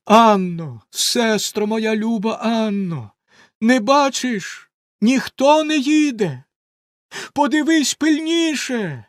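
A man's voice: sits high, unhurried, dry recording, clean studio sound, voice pushed up. A man voicing a frightened young wife in a storybook reading, raising his voice into a pleading, tearful tone. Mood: desperate.

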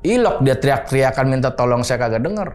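A man's voice: medium pitch, quick pace. A man, casually recounting a horror story from his boarding house and acting out what people said. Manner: animated retelling, acting out quoted dialogue.

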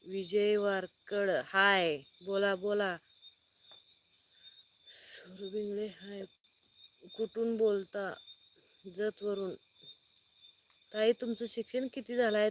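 A woman farmer from Sangli district in Maharashtra chats on a phone live stream outside at night, sitting beneath a light and greeting each viewer as she reads out their names. Her voice is medium in pitch, and the recording carries a little hiss or hum.

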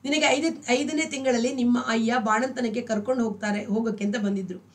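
Woman doing a flat, emotionless aloof husband. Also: on the high side, quick pace, far from the mic, natural voice. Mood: matter-of-fact. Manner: flat, matter-of-fact.

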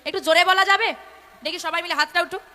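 A woman kirtan singer giving an animated devotional sermon, speaking straight to her audience. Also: very high-pitched, very fast. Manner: animated, addresses audience directly. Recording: echoey hall, faint music.

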